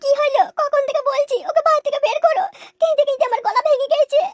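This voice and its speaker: A shrill whiny cartoon wife. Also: fairly even intonation, fast talker. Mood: whining. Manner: whiny, nagging. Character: shrill whining wife complaining to her husband.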